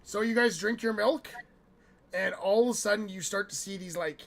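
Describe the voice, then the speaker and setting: Male game master, high-pitched, gravelly fry, casual tabletop narration, unhurried. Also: fairly bright tone.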